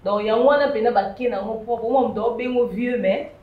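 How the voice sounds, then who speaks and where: A woman, chatting lively on a talk show panel, with emphatic bursts. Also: fairly high pitch, fast, narrow, tinny audio. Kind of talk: casual chat show commentary. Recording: echoey room with faint noise.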